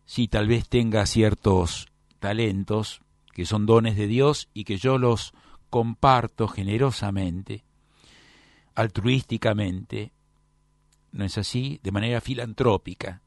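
A man's voice: fairly low pitch, measured pace, no room sound, studio quality. A man teaching a lecture, often checking with his class.

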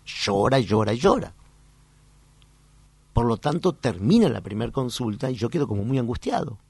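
A man, a child psychoanalyst, telling a clinical story in a lively way and acting out the voices. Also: mid-range voice, a little fast, breathy edge, no room sound. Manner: animated, acts out voices and sounds in anecdotes. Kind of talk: conversational storytelling.

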